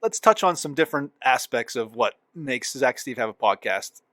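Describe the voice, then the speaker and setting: Podcast co-host, man, bright voice, swoops around a lot, dry close mic. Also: mid-range voice, normal speed, no echo. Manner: animated, laughs often, restarts sentences. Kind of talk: casual chat.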